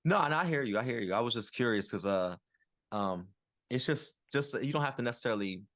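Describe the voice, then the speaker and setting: A man's voice: mid-range voice, animated, brisk, a bit bright, dry recording, studio quality. A young man in his twenties hosting a podcast, asking questions in a rambling casual way. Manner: rambling, many fillers and restarts. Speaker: podcast host. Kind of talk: casual interview.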